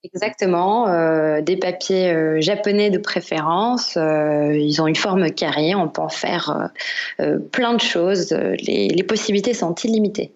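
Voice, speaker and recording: A woman's voice: fairly low pitch, measured pace, darkish tone, muffled recording. A woman from Algeria, a guest entrepreneur in a podcast interview, explaining her work with many hesitations.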